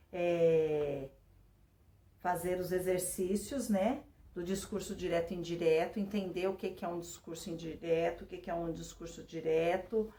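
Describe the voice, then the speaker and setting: A woman's voice: medium pitch, distant mic, a little hiss or hum. A woman teacher, patiently explaining a textbook lesson to her class and checking in with tag questions. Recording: roomy sound, voice away from the mic.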